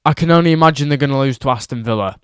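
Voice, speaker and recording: A man's voice: mid-range voice, rapid-fire, clear, resonant tone, no echo, studio quality. A young man ranting about football results, exasperated and repeating his points for emphasis. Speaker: football vlogger.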